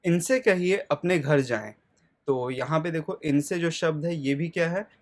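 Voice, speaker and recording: A male teacher talks through a grammar lesson in a slightly high voice. He puts questions to the class and answers them himself, and checks in often. He slows right down when he spells out lists of words.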